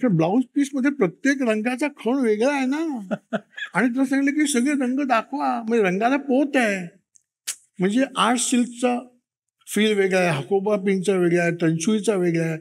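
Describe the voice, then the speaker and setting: Man, high gravelly voice, animated anecdotes, acted-out quotes. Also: a little fast. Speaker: children's author and interview guest. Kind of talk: storytelling interview talk.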